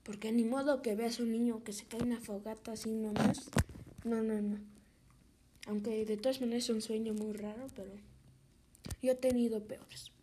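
A woman's voice: a little high, steady tone, normal speed, mellow, slight background noise. A woman telling an improvised horror story, rambling and correcting herself, often dropping to a whisper.

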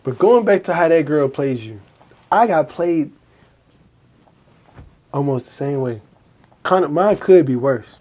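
Husky young man telling stories casually. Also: on the high side, unhurried, pauses often. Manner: animated storytelling, acting out past conversations. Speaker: podcast host. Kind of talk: casual chat.

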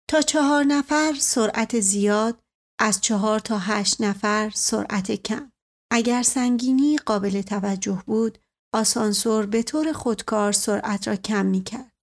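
A woman reads a first-person short story aloud as an audiobook. Her pacing is measured and even. Her voice sits a little high. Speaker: audiobook reader.

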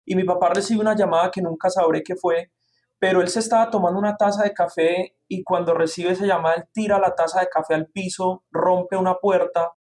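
A man in his thirties, his voice sitting high for a man, with a Medellín Colombian accent. He tells his story earnestly, with many small fillers, as an interview guest. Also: fairly even intonation, a little fast, darkish tone. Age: 30s. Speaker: guest, real estate investor.

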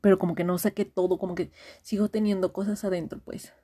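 Husky-voiced Mexican woman rambling casually. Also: mid-range voice, level tone, fast, mellow. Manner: rambling, slangy, frequent restarts and fillers. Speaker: friend sending a voice message. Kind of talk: casual confiding story.

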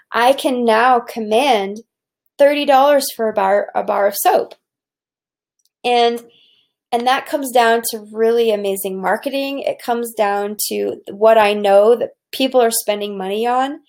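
Gravelly earnest woman giving a pep talk. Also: a little high, darkish tone. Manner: earnest, preachy, frequent restarts. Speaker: soap business owner. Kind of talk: motivational talk.

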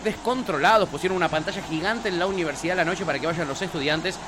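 A man's voice: high voice, quick pace, noisy background. A man with an Argentine accent hosting a casual, joking radio chat and reading out listener messages. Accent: Argentine Spanish. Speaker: radio show host.

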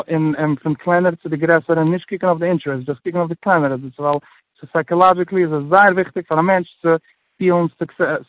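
Male interview guest, higher-pitched, hesitant with lots of restarts and English mixed in, phone-line quality. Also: no echo. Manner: halting, many restarts, mixes in English phrases. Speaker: guest sharing his personal budgeting story. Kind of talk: casual interview chat.

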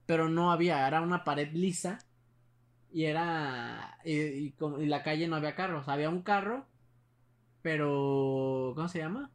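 A young man with a Mexican accent tells a spooky story to a friend, rambling and full of slang. He restarts his sentences often. His voice sits a little high for a man. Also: normal speed. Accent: Mexican Spanish. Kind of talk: casual chat, telling a ghost story.

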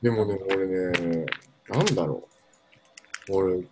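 A young man talking casually on a podcast, rambling through animated stories with self-mocking laughs. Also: sits low, slow, noisy background. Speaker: podcast co-host. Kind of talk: casual chat.

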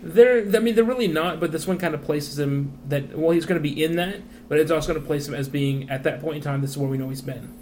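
A man co-hosting a podcast, chatting casually about a movie in a rambling, animated way and swearing freely. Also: a little high, fast talker, hardly any pauses. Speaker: podcast co-host. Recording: echoey room, faint noise.

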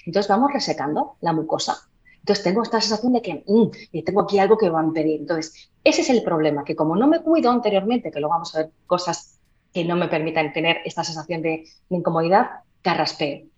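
A woman voice therapist explaining in a podcast interview, demonstrating by changing her volume and slowing down. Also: fairly low pitch, expressive, a little mellow, lo-fi sound. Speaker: voice therapist and trainer.

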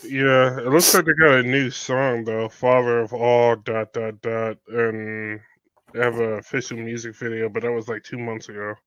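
A man's voice: medium pitch, level tone, moderate pace, fairly bright tone, clear, resonant tone, no echo. Man on a dull, dry podcast mic. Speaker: podcast co-host. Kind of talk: casual podcast chat.

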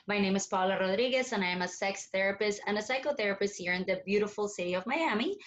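A woman's voice: mid-range voice, quick pace. A woman from Colombia, a therapist guest on a podcast, explaining things in a thoughtful way with many "you know"s. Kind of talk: podcast conversation.

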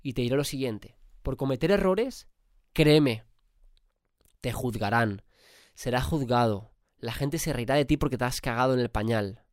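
A man's voice: mid-range voice, expressive, normal speed, no echo, clean studio sound. Spanish man with a cold, motivating. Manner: emphatic, casual swearing. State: has a cold. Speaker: podcast host. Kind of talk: motivational podcast monologue.

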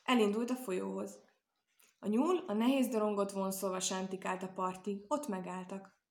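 A woman narrating a children's animal tale, in a calm, even storytelling manner. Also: medium pitch. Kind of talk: storybook reading. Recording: roomy echo.

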